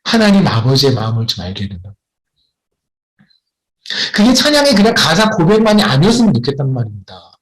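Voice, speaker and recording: A man's voice: a little high, wildly swooping pitch, fairly quick, pauses often. A man preaching a sermon as a missionary, telling a personal story and asking emphatic questions.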